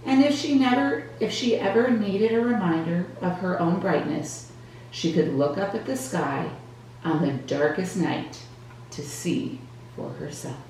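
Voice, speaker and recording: A Sunday school storybook reader at a church narrates a scripted children's picture book, her low voice unhurried, deliberate, and expressive. She sounds far from the microphone, with heavy room echo and a bit of faint noise.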